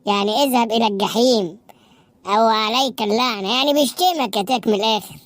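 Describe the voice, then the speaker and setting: Man playing a sly egyptian schoolboy, teasing, quick, dry sound. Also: sits high, a bit bright, no room sound, pitched below the performer's own voice. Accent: Egyptian Arabic.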